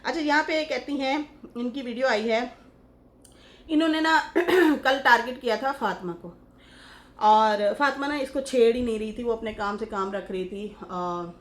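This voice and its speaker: High-voiced woman scolding in commentary. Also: a little slow. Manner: chatty and scolding, breaks into mocking impressions. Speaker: YouTube commentator. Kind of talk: casual reaction commentary.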